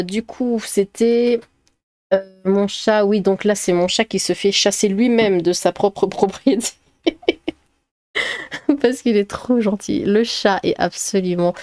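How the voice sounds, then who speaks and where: A woman's voice: mid-range voice, warm tone, no echo. A woman chatting casually as a vlogger, laughing often, with many fillers and restarts. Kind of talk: casual chat, reading a quiz aloud.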